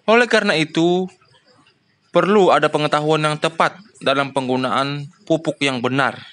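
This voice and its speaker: A man's voice: mid-range voice, fairly bright tone. A man explaining a farming lesson to farmers, with frequent fillers and rhetorical questions. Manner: addresses farmers as "Bapak Ibu", frequent "ya" and "namanya" fillers. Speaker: farming channel host.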